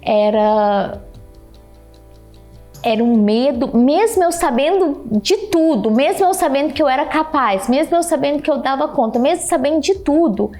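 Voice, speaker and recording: A woman giving a heartfelt personal testimony, animated, repeating her phrases and thanking God. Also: sits high, moderate pace, soft background music. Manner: animated, repeats phrases, keeps addressing the listener by name; religious, thanks God openly. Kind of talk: emotional personal storytelling.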